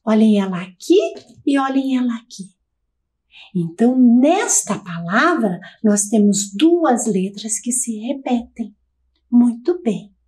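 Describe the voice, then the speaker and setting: Brazilian lady teacher, slow singsong voice, talks to little kids like a tv class. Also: a little high, animated, darkish tone. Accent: Brazilian Portuguese. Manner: slow, sing-song, encouraging and explaining. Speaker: primary school teacher. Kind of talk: televised children's lesson.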